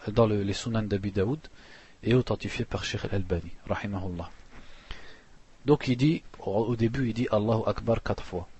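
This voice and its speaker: A man teaching a religious lesson, reading passages fast and then explaining them plainly with restarts. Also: on the low side, darkish tone. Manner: reads Arabic passages quickly, then explains slowly with restarts; clears throat now and then.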